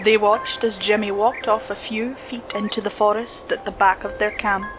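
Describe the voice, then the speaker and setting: A woman narrating a horror story slowly and dramatically, dropping to a hush at tense moments. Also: medium pitch, flat delivery. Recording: spooky music bed under voice.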